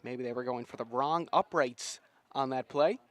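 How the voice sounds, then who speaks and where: This male sports commentator delivers live rugby play-by-play at an outdoor field, full of enthusiasm and folksy slang. His pitch is medium, his pace moderate, and his tone a bit bright.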